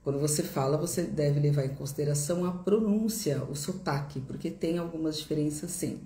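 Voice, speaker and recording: A woman's voice: deep voice, fairly quick, warm tone, roomy sound. A woman English teacher giving a live online lesson, explaining patiently step by step and repeating examples.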